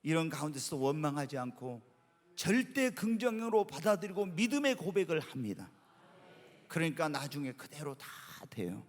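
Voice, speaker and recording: A middle-aged man preaching a sermon as pastor, telling stories in an animated way and acting out quotes. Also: fairly high pitch, normal speed. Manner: animated storytelling with acted quotes. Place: church sanctuary. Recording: long hall reverb.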